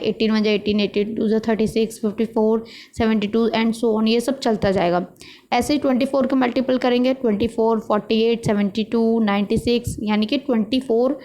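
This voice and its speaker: A woman's voice: a little high, darkish tone. A woman teacher, patiently walking students through a maths worksheet and answering her own questions. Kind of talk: maths lesson explained step by step.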